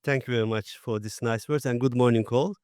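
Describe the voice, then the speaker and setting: A man's voice: mid-range voice, steady tone, fairly quick, a little mellow, smooth, no echo, clean studio sound. Turkish-accented man speaking on a panel. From Turkey. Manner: plain, slightly broken English. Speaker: panel guest, former IT executive. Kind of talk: conference panel talk.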